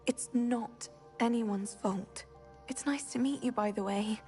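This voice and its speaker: A soft-spoken, weary young witch under a curse, raised pitch, faint music behind, for a game. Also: slow. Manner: soft, weary, at times breathy. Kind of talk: video game dialogue.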